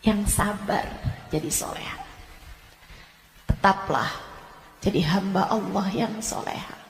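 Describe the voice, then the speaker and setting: A woman preacher giving a sermon, repeating her words emphatically and swinging between hushed and shouted lines. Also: medium pitch, slow pace, gravelly, a little hiss or hum. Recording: echoey hall.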